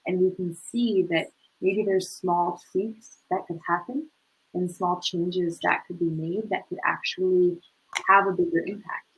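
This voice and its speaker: Husky-voiced young woman on a panel. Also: on the low side, poor audio. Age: young adult. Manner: earnest, speaks in short phrases with pauses. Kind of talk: panel discussion answer.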